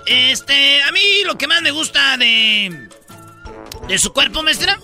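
A man tells jokes in a high, lively, animated voice that swings widely in pitch. His tone is very bright. Faint music plays behind him. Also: slow pace. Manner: lively, animated, jumps between silly voices. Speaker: comedian telling jokes. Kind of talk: comedy sketch and joke telling.

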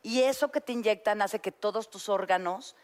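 A woman co-hosting a talk show, in a voice of middle pitch. She chats expressively and hands out friendly advice, and her stories pick up pace as she tells them. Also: moderate pace. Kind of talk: casual chat.

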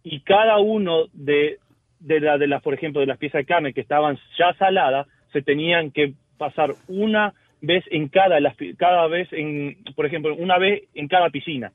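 A man's voice: fairly high pitch, normal speed, dry recording. A man from Uruguay, calling in to a radio show and telling a rambling story with frequent restarts. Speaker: caller. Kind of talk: casual call-in storytelling. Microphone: telephone. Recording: tinny phone line.

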